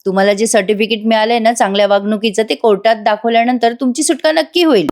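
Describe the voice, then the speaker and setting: A woman's voice: a little high, fast talker, a little mellow, close to an everyday voice. Woman reading a reassuring younger man. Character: reassuring man comforting an older prisoner.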